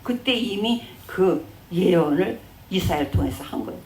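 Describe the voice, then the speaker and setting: A woman's voice: fairly low pitch, expressive, moderate pace, darkish tone, far from the mic. A woman pastor preaches in a loose, storytelling way and slips into the voices of the people she describes. Her voice rings around a roomy church hall, with a faint hiss underneath. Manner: conversational storytelling, acting out quoted speech. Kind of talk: sermon.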